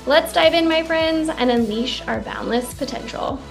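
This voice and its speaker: High-voiced woman reading an upbeat intro. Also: moderate pace, vocal fry. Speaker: podcast host. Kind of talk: scripted show intro. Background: faint music.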